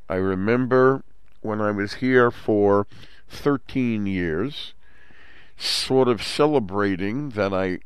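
A man, hosting a Torah commentary talk in a measured, explanatory way and using Hebrew terms. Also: on the low side, a little mellow, clear, resonant tone, no room sound. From Brooklyn, New York. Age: 60s. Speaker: host.

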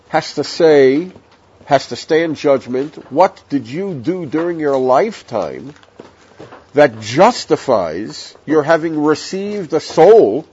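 A man's voice: a little high, a little mellow. A man giving a recorded Torah class in a conversational, digressive way, telling jokes along the way. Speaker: Torah teacher. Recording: dull lo-fi audio with faint hiss.

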